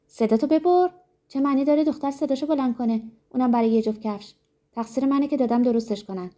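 A woman voicing a harsh, scolding mother, raised and sharp. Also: on the high side, expressive, pitched above the performer's own voice.

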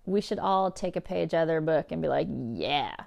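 A woman's voice: low-pitched, fairly even intonation, quick pace, creaky, darkish tone. A woman from California hosting a podcast, talking in a casual monologue full of swearing, jokes and side-tracks. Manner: profane, joking, self-interrupting asides. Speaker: podcast host.

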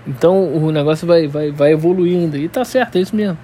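A man with a Carioca accent ranting casually and unscripted in Rio street slang, swearing heavily, stammering and repeating words as he tells things in an animated way. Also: on the high side, quick pace. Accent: Carioca, Rio de Janeiro. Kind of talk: casual unscripted solo rant.

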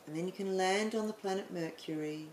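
A woman explaining the planets in a chatty way, then leading a guided meditation with slow, soothing instructions and some stumbles. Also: on the low side, a little mellow, echoey room, slight background noise, low-quality recording. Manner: chatty, apologetic, stumbles over words.

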